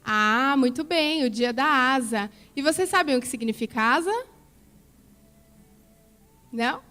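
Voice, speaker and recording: A woman's voice: high-pitched, lively intonation, a little slow, bright, forceful tone. Woman telling children a Bible story. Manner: coaxing, asks children questions. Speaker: children's story teacher at church. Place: church.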